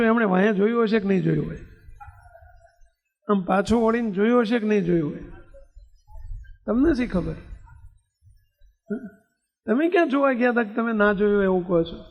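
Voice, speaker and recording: A man's voice: sits high, creaky. A swami gives a religious discourse to a congregation. He keeps asking the listeners questions and leads them in call-and-response chanting. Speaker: swami preacher. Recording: dull lo-fi sound with long hall reverb.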